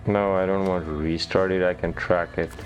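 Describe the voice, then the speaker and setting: Low-voiced man narrating gameplay. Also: normal speed, faint music behind. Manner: relaxed, thinking aloud, hesitant restarts. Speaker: gamer. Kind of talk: gameplay commentary.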